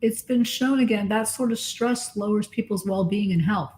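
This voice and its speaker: A woman coach speaking in a casual discussion, earnest and emphatic as she explains her points. Her voice sits at a middle pitch, and she leans on key words for stress. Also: normal speed, a little mellow. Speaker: coach and guest.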